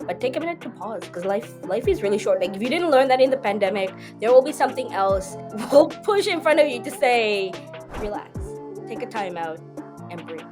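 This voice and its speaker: A woman's voice: on the high side, lively intonation, fairly quick, over music. A woman in her thirties from South Africa, speaking as a podcast guest in a reflective, advising way. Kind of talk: conversational interview answers.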